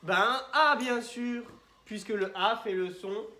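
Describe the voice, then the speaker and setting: Patient teacher sounding out syllables. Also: male voice, high-pitched, slow pace, sharp tone, slight background noise. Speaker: primary school teacher. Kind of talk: classroom phonics lesson. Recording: echoey room.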